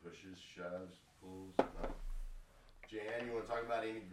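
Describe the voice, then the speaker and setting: Male director, low voice, coaxing; recorded off-mic in an echoey room with faint noise. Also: fairly even intonation, unhurried. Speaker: interviewer and director. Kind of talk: directing an interview shoot. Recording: roomy echo, far from the mic.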